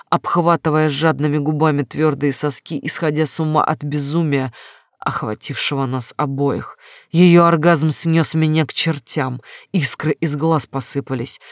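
A man's voice: a little high, no echo, clean studio sound. A man giving a dramatic first-person narration of a novel, reading intensely and emotionally. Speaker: audiobook narrator.

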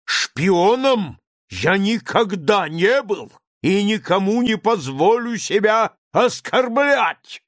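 A man voicing a pompous elderly doctor who shouts with slow, emphatic, rattling dignity, in an audiobook reading. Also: sits high, lively intonation, dry recording, studio quality, pitched above the performer's own voice, full character voice. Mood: outraged.

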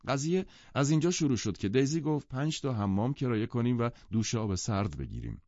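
A man reading a novel aloud as audiobook narrator in a measured storytelling manner, in a dry, muffled recording. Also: medium pitch, animated, mellow, no room sound. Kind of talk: scripted literary narration.

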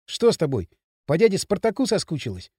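A man's voice: a little high, wildly swooping pitch, brisk, dark tone, slightly rough, dry recording, clean studio sound, full character voice. A man voicing a young village lad who speaks in hurt, clipped replies. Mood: alarmed.

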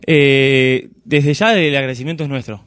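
An Argentine man hosting a radio program, chatting casually with a guest, halting with fillers and laughs. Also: mid-range voice, steady tone, a bit bright. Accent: Argentine Spanish. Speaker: radio host.

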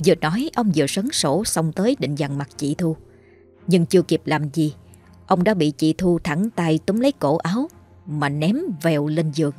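A woman narrating a horror story in a steady, even storytelling voice. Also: low-pitched, normal speed. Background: faint music.

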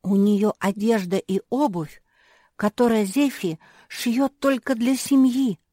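A woman voicing a secretive little female dog who speaks in a hushed, confiding way. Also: fairly high pitch, takes it slowly, dry recording, clean studio sound, voice pushed up.

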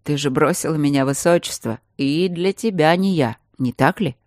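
A woman reading an audiobook, voicing a calm, teasing male mage who lectures patiently. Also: low-pitched, normal speed, dry recording, clean studio sound, close to an everyday voice. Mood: quiet teasing. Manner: patient, gently mocking, lecturing.

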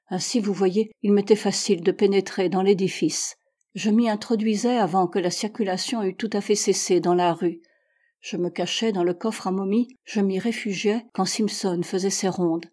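A woman voicing a weary elderly professor, pleading, mellow, husky. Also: medium pitch, natural voice. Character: exhausted old male professor, contrite.

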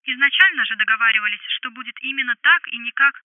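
A woman's voice: high-pitched, quick pace, no room sound. A woman voicing a brash, blunt grown woman talking over the phone in an audiobook, with a telephone filter on her voice. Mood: scolding. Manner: blunt, scolding. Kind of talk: audiobook dialogue. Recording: tinny phone line.

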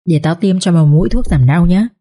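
A woman's voice: on the low side, fast talker, dark tone, lightly acted. A woman voicing a stern young male master who is a doctor, curt and scolding, in a read-aloud story. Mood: bossy. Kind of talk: audiobook story reading.

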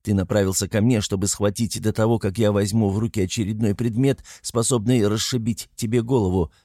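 A man narrating a dramatic story in a steady, measured way. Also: fairly low pitch, no echo, studio quality. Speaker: audiobook narrator.

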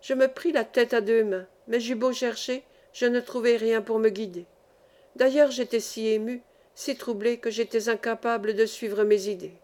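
Woman reading a classic novel out loud, kinda high voice, steady clear storytelling. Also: normal speed. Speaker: narrator. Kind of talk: audiobook narration.

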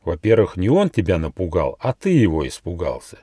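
A kindly, fussy little gnome, voiced by a man reading a fairy tale lectures in a raised, lively tone. His voice stays warm and dark with a dry, close sound. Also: deep voice, fairly quick, breathy edge, no echo, heavily acted. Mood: cheerful, lecturing. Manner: orderly, lecturing.

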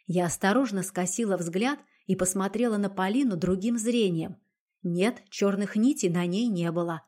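A woman narrating an audiobook in the first person, with an expressive, dramatic reading. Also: mid-range voice, moderate pace.

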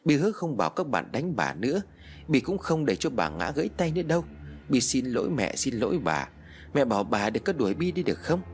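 A man's voice: mid-range voice, big pitch swings, fairly quick. A man voicing the ghost of a small girl who is clingy, stubborn and tearful in a spoken ghost story. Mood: pleading. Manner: childish, pleading and stubborn.

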